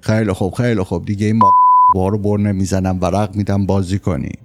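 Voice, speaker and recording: A man voicing a male soldier who mimics and mocks another player, quick and louder. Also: low-pitched, flat delivery. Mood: mocking. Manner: mocking, imitating. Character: mocking male soldier card dealer.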